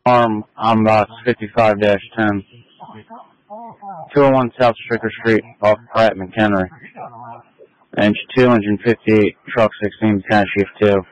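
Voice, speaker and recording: Low flat dispatcher over static-filled scanner radio. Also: male voice, rough recording. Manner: measured, flat reading of addresses and unit numbers. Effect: scanner radio with static bursts. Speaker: fire dispatcher. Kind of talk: dispatch radio call-outs.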